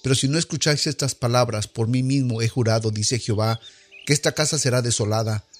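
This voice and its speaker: A man reading scripture aloud in a solemn, measured, declamatory way. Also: mid-range voice, faint music behind. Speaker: scripture reader.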